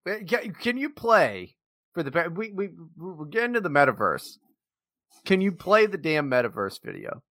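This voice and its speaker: Animated, bright-voiced young man co-hosting. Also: a little high, no echo, studio quality. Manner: animated, swearing, quick to joke. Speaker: podcast co-host. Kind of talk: casual profane chat.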